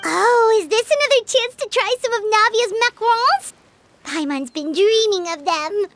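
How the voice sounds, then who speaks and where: Paimon, squeaky fairy sidekick. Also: female voice, moderate pace, a little hiss or hum, heavily acted. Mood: eager. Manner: squeaky, excitable, talks of herself in third person. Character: tiny floating female fairy companion, chirpy. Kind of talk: video game voice acting. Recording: game audio with loud music underneath.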